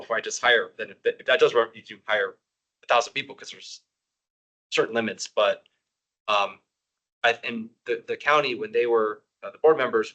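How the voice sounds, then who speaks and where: A man's voice: lowish voice, pushed and bright, rough recording. Rambling man at a public meeting. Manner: rambling, many fillers and restarts. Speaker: housing commission member.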